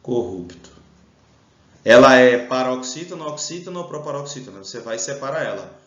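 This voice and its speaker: A man's voice: medium pitch, expressive, normal speed. A Brazilian man teaching an exam-prep grammar lesson, explaining step by step and stretching out stressed syllables. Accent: Brazilian Portuguese. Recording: roomy, slightly dull sound.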